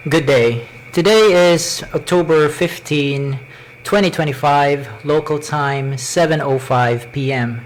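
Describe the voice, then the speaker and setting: A man with a Cebuano Filipino accent presents a live tech demonstration in deliberate, measured short phrases, speaking into a wired microphone. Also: a little high, slight background noise, low-quality recording. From Philippines. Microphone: wired microphone into a laptop.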